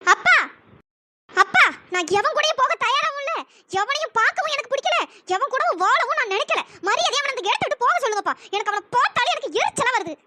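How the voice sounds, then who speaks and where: A woman doing a shrill scornful young wife. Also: very animated, background noise. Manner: fast, sharp, scornful.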